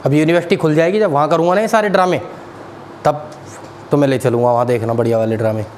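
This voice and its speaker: A man leads a spoken English class, reading each idiom slowly and explaining it with joking stories. His voice sits fairly high for a man. The classroom recording carries a clear layer of background noise. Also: a little mellow. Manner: jokey, tells funny classroom anecdotes, slows down to read phrases. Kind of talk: classroom lesson. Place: classroom with students.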